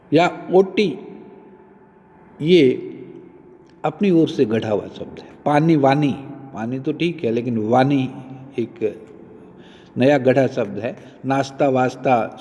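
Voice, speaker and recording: A man lecturing on linguistics, explaining each point with many spoken examples in a measured, teacherly way. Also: mid-range voice, dark tone, in a large hall. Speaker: Hindi lecturer. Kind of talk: recorded university lecture.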